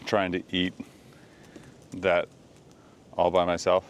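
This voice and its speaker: A man with a low, deep voice chats outdoors by a snowy campfire. His talk is loose and rambling, full of "like" and restarts, with faint background hiss. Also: monotone, slow pace. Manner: rambling, filler-heavy talk with many "like"s. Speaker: channel co-host. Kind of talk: casual chat. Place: outdoors by a campfire in falling snow.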